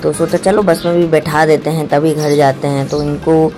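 A woman's voice: sits low, level tone, moderate pace. A young woman chatting casually to her viewers in a home vlog, talking about her day and her family. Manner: chatty, addresses viewers as guys. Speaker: vlogger. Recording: background music.

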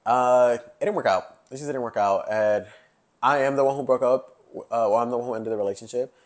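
A man in his early twenties hosts a podcast in casual chat, his mid-range voice moving a little fast. He's chatty, full of fillers and laughs, recorded on a lapel mic in a living-room set.

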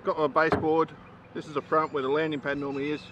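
Talking fast in a highish voice, a man tends his backyard beehives while giving a casual, chatty how-to with plenty of ums. A neighbour's lawnmower runs behind the slightly dull, faintly noisy outdoor camera audio.

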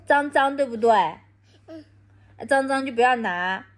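A woman's voice: sits high, a little slow. A woman from Anhui scolding her toddler at home, repeating baby talk. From Anhui, China.

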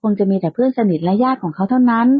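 A woman narrating a romance audiobook in a calm, steady storytelling voice, in a lightly lo-fi, dry recording. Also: medium pitch, very fast, breathy edge, no room sound.

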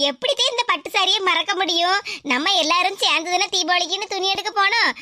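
A woman's voice: very high-pitched, normal speed, bright, forceful tone, no echo, studio quality. A woman voicing a cheeky, argumentative young cartoon girl with a Tirunelveli Tamil accent. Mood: chatty. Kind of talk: cartoon voice acting.

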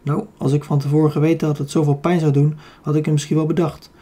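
Male narrator voicing a fussy, complaining young secretary; indignant whine, husky and mellow, storybook read. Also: on the high side, little pitch movement, quick pace, close to an everyday voice. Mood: whining. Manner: indignant whining.

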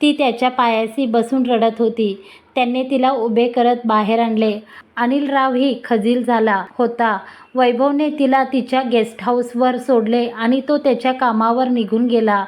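A woman storyteller reading a romantic story aloud at a steady, even pace. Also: a little high, moderate pace.

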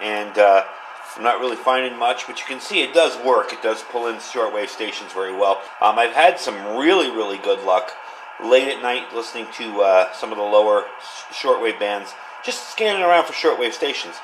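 A radio reviewer talks through a product in a casual, hands-on way, explaining things informally and off the cuff while working at an indoor workbench. His voice sits fairly low and moves at a normal pace. Background noise and room ambience come through clearly on the recording.

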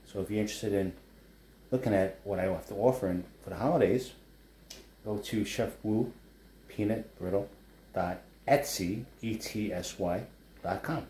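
A New York-accented chef and food blogger talks at normal speed through a relaxed home cooking demo, cheerfully rambling into asides as he stirs a wok. His low, mellow voice rings faintly in the roomy indoor living-room kitchen, with a soft hum of room noise.

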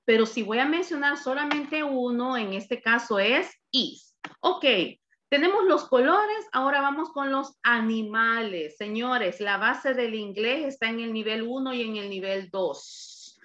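A woman teaching an English class over a video call, modeling words slowly and carefully. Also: on the high side, fairly bright tone, muffled recording, slight background noise.

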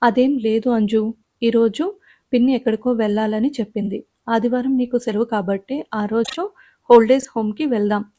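A woman storyteller voicing a worried widowed father who is gentle but evasive with his daughter, speaking in her own voice. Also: fairly high pitch, fairly even intonation, moderate pace, lightly acted. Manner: coaxing, then turns stern.

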